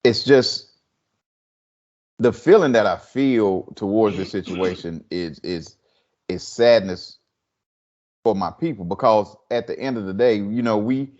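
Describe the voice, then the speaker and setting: A man co-hosting a casual discussion, starting hesitantly with restarts and growing forceful. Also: fairly low pitch, measured pace, pauses often, highs cut off. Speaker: podcast co-host.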